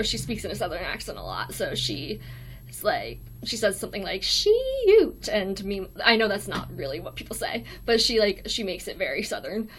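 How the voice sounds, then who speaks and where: A shy, quiet young woman with an American accent hosts a casual livestream from her dorm room, reading viewer comments aloud with lots of ums and little laughs. Her voice is mid-range, and there's a little hiss or hum in the audio.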